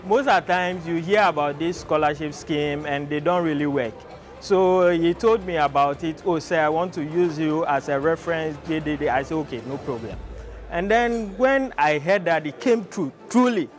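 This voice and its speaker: High-voiced Ghanaian teacher, animated. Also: male voice. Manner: animated, repeats himself. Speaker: schoolteacher. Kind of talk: interview.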